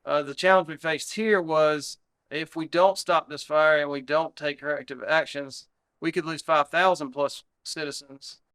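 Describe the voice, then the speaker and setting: A man's voice: on the high side, steady tone, normal speed, fairly bright tone, clean tone. An American man, a fire battalion chief, recounting an incident in a plain-spoken, conversational interview style. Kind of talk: interview recollection.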